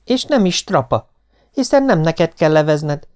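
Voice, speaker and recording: A headstrong, scatterbrained wife and mother, defiant and insistent, her voice raised high above the reader's own, as a male audiobook narrator puts her on. She argues back in an audiobook scene. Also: very animated, darkish tone, clean tone. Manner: defiant, insistent, then coaxing. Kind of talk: audiobook character voice.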